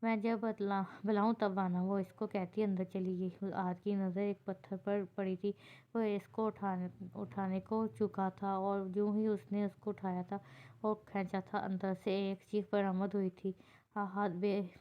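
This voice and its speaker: A woman reading a romantic novel aloud in steady, unhurried narration, with occasional slips. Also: medium pitch. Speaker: novel reader. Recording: dull lo-fi recording.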